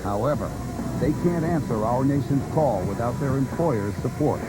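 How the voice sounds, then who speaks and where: A man narrating a public service announcement in a steady, serious manner. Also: medium pitch, normal speed, very noisy. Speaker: ad voice-over. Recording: loud music bed.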